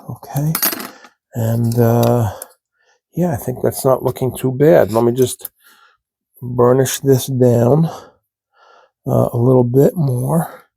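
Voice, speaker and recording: A scale model hobbyist demonstrates his craft in a casual, hands-on tutorial, talking slowly and haltingly to viewers as he works. His medium-pitched voice is gravelly and froggy yet warm, recorded with no room sound.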